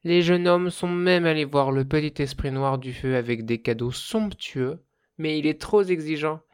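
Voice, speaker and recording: A man voicing a kind young village girl who speaks softly and pleads gently. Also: fairly high pitch, normal speed, clean tone, lightly acted. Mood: sad. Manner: soft, pleading.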